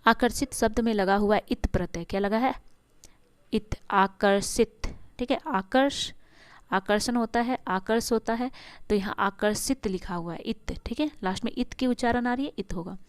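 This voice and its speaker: Woman teacher, smooth clear voice, dry close sound, asks questions and answers them herself. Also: fairly high pitch, no echo. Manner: stretches words out slowly to stress sounds. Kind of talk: explaining grammar quiz answers.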